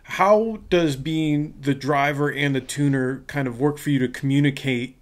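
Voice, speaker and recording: Higher-voiced male show host. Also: moderate pace. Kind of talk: casual panel talk.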